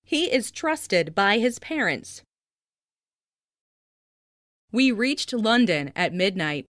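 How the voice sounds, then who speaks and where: A woman reading simple English phrases slowly and carefully for learners, saying each one twice. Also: medium pitch, big pitch swings, a bit bright, dry recording, studio quality. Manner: careful, clearly enunciated, each sentence said twice.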